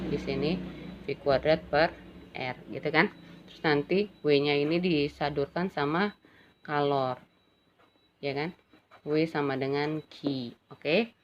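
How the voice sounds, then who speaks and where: Low-voiced woman teaching physics. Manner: chatty, addresses students as "Nak", frequent "ya kan". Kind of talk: casual classroom lecture. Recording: dull lo-fi recording with faint ambient noise.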